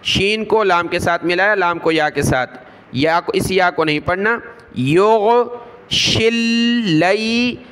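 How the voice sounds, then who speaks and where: A man teaching Quran reading, spelling out letters one by one and then reciting each verse slowly and drawn out. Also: high voice, pushed and bright, clear, resonant tone.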